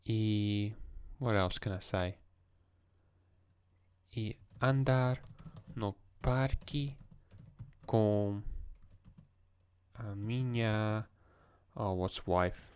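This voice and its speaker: A young man, talking in a hushed, tired voice as he thinks aloud through language practice in a casual vlog. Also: lowish voice, drawn-out words, pauses often, clean tone. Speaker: language learner vlogger. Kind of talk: casual screen-recorded vlog.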